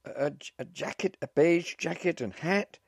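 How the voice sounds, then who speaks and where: A man voicing a panicked young newlywed woman, frantic and shouting over a crowd. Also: fairly low pitch, big pitch swings, moderate pace, breathy edge, dry recording, clean studio sound, voice pushed up, exaggerated voice.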